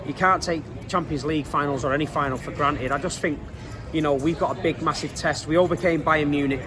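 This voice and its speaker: A man's voice: a little high, steady tone, brisk. A man with a Manchester accent giving a casual, earnest interview as a football fan, using colloquial, emphatic phrasing.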